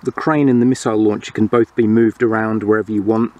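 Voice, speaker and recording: A man casually narrating a toy playset review, explaining the features in a relaxed way. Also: lowish voice, quick pace, muffled recording.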